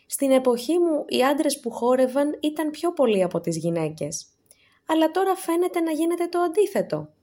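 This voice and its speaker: A woman voicing a chatty Greek grandmother of about ninety, reminiscing in a raised, lively reading voice. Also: high voice, voice pushed up. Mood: teasing.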